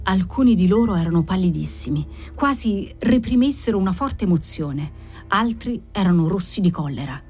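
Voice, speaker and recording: Expressive woman audiobook narrator. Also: mid-range voice, moderate pace, breathy edge, soft background music. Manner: expressive reading.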